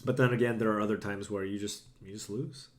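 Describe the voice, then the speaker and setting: A man's voice: lowish voice, steady tone, fast. A young man who is a bit sick and losing his voice, chatting casually with viewers on a live stream from a room at home. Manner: chatty, self-deprecating, talks to chat. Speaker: streamer playing a card game.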